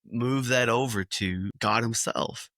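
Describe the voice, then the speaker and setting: A man, a children's ministry speaker, telling lively illustrative stories in a podcast interview. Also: medium pitch, slow pace, no echo, studio quality. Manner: animated storyteller acting out scenes.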